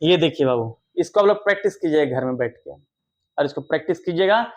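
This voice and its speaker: A young man teaching English grammar to children in an online lesson, coaxing them affectionately and praising their answers loudly. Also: fairly high pitch, expressive, fairly quick, dull audio.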